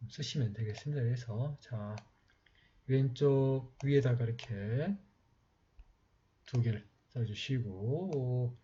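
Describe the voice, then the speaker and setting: A man giving a slow, patient step-by-step writing lesson, talking while he writes, with many pauses. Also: medium pitch, mellow, slightly rough. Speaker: calligraphy teacher. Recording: slightly dull lo-fi sound with faint noise.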